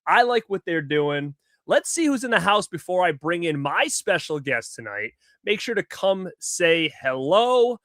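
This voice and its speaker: Male livestream host, upbeat and animated, slightly high voice, close dry headset-mic sound. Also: measured pace, few pauses, no echo. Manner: upbeat, shouts out viewers by name. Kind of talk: casual live-chat greetings.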